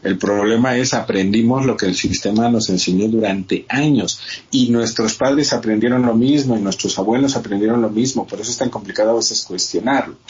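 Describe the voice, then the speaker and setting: A man's voice: lowish voice, brisk, a little mellow, muffled recording. A man hosting a podcast, explaining ideas step by step in a casual conversational way. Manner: explains step by step, acts out quoted dialogue. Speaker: podcast host.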